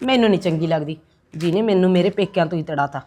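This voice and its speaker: A woman's voice: fairly low pitch, quick pace, dark tone, a little hiss or hum, lightly acted. A middle-aged woman playing a resentful mother-in-law in a short film drama, scolding and sarcastic. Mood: bitter.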